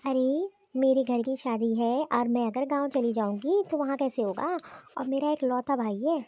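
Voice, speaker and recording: Woman as a selfish young cartoon wife, stubborn, insistent, high voice, mellow tone. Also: moderate pace, dull audio. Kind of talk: Hindi cartoon voice acting.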